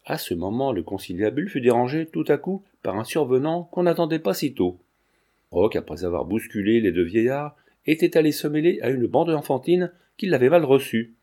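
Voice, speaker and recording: Man with a warm mellow reading voice. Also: mid-range voice, animated, brisk. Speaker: audiobook narrator. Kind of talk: scripted narration.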